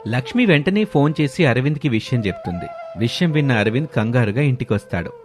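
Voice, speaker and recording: A man giving a scripted, even narration of a family moral tale. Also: medium pitch, fast talker, faint music behind.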